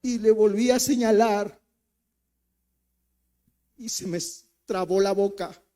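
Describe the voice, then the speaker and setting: A high-pitched man with a Mexican Spanish accent serves as co-pastor, slowly recounting a personal story from the pulpit. He voices the characters himself and swings animatedly between booming and hushed tones.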